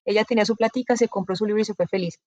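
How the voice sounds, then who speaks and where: A woman, talking at a natural middle pitch as she tells stories from her bookshop. She acts out the dialogue as she goes. The sound is dry and a little dull. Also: very fast, no room sound. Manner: animated, acts out quoted dialogue in storytelling. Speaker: bookseller guest. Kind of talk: conversational storytelling interview.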